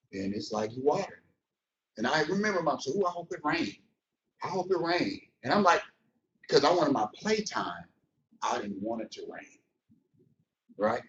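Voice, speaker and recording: A male business trainer talking to his team in a loose, colloquial way, acting out little scenes. His voice sits fairly high and moves a lot in pitch. He sounds set back from the mic in a reverberant room, on a dull recording. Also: slight background noise. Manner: colloquial storytelling, animated, acts out scenes. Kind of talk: motivational training talk. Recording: echoey room, distant, dull.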